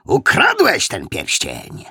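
A man's voice: medium pitch, huge pitch swings, slow pace, gravelly, husky, no room sound, clean studio sound, voice pushed up, exaggerated voice. A man voicing a bullying police inspector who barks accusations at a suspect. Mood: accusing. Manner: barking, shouting accusations. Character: ruthless bullying adult male police inspector.

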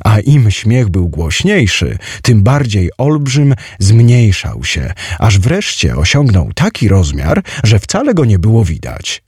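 A man narrates an audiobook in a low, husky voice with a playful storytelling manner. He moves through the text very slowly, and his melody swings wide. The recording is dry and close. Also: wildly swooping pitch, a little mellow, dry recording. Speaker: audiobook reader. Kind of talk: scripted narration.

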